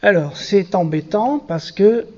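A man's voice: high-pitched, animated, slow pace, muffled recording. A man teaching a Hebrew reading lesson to a class, patiently spelling out letters and syllables one by one.

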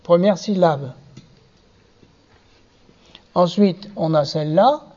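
A man's voice: high-pitched, slow, a little mellow, dull audio. A man teaching a Hebrew reading lesson to a class, patiently spelling out letters and syllables one by one.

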